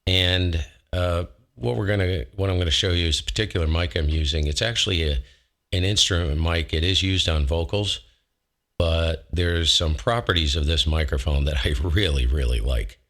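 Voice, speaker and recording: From his home shack, a low-voiced man hosts a ham radio show, casually talking through a microphone demo on a close dynamic studio mic. His tone is fairly bright and his speed normal, and he rambles in a folksy way, correcting himself as he goes.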